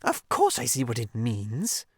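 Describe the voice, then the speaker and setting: A man's voice: mid-range voice, huge pitch swings, unhurried, breathy edge, no echo, studio quality, exaggerated voice. A man voicing a fussy, pettish male mole who is stubborn and literal-minded, speaking in a prim, indignant way.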